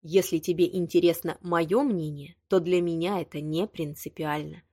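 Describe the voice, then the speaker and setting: A woman reading the lines of a blunt, hot-tempered young man, a lawyer, with a sharp, exasperated delivery. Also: lowish voice, steady tone, normal speed, no echo, studio quality. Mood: heated. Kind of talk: audiobook dialogue reading.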